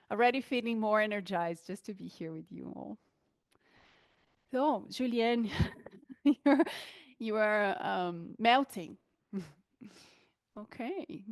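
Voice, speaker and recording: A woman hosting an online welcome session, chatting in a relaxed way with fillers and small laughs over a video call. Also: medium pitch, no echo, clean studio sound. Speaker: online event host. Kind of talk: friendly facilitation on a video call.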